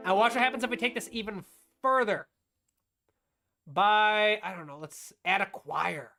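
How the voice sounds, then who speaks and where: Woman tutor, mid-pitched voice, talks through each step of a live music-production lesson, faint music under her. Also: normal speed, a bit bright. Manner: explanatory, walks through steps as she demonstrates; asks and answers her own questions. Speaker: composer and music teacher.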